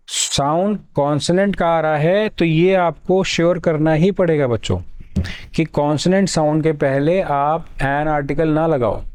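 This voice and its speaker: A man teaching a grammar lesson for exam preparation, explaining slowly, repeating words and acting out his students' questions. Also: fairly high pitch, darkish tone. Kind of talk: exam-prep grammar lecture.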